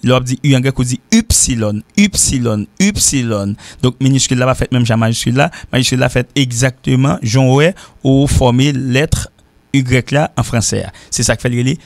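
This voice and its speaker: A man from Haiti with a Haitian accent, teaching an informal language lesson and repeating example sentences slowly. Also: medium pitch, steady tone, creaky, dry recording. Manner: repeats example sentences slowly, switching between French and Creole. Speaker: English teacher.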